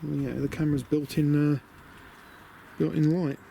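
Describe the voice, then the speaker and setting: Unhurried and flat, this British man's fairly high, creaky voice has a warm tone as he rambles through a chatty, understated vlog, muttering asides to himself. A DIY vlogger, he is showing a camper van conversion outdoors beside a house. The windy camera audio is noisy, with wind in the background.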